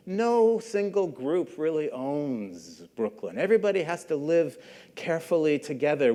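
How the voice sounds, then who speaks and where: A middle-aged man from Canada giving a university lecture in a conversational way, often checking in with the audience with questions and a quick "right?". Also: a little high. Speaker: guest lecturer.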